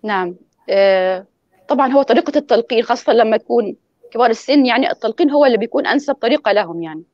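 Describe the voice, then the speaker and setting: Woman, quick speech, fairly high voice, dry muffled call audio, lecture on recitation. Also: animated, dry recording. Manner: explanatory, demonstrates pronunciation by example. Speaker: guest lecturer on Quran recitation. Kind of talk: online lecture and Q&A.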